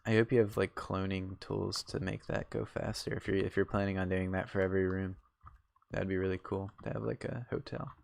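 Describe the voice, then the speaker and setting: A man's voice: deep voice, level tone, brisk, vocal fry. A young man streaming a game, chatting casually in a rambling way full of fillers and restarts. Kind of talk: casual chat while gaming.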